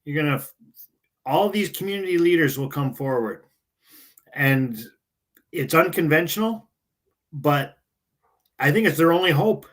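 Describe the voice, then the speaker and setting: A man co-hosting a casual political podcast, talking in halting phrases full of fillers. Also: a little high, animated, a bit bright. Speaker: podcast co-host.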